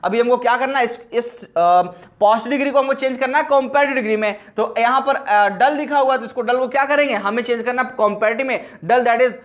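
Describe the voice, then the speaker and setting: Man, very high voice, grammar teacher, asks and answers his own questions. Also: a little fast. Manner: asks questions and answers them himself, repeating key points. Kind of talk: classroom lesson explaining grammar.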